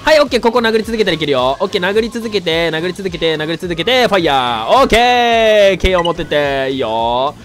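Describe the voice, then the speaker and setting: A man narrates his own gameplay in a high, bouncy voice that rises and dips all over. He sounds a little stuffed up and raspy from a cold, and he talks in a chatty, excitable way. Faint music plays in the background. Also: fairly quick, few pauses. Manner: chatty, excitable, breaks into shouts while playing. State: slightly nasal from a cold; hoarse. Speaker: gaming YouTuber. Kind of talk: live gameplay commentary.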